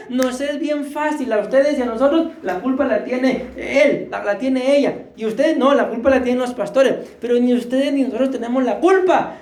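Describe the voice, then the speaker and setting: Breathless pastor, high voice. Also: male voice, echoey room. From Costa Rica. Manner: conversational, jokey preaching with questions to the congregation. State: short of breath. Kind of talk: sermon. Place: church hall.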